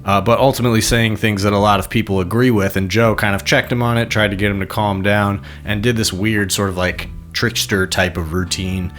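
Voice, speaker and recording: A man's voice: on the low side, steady tone, brisk, few pauses, fairly bright tone, faint music behind. A male podcast host giving casual, conversational commentary, loose with fillers.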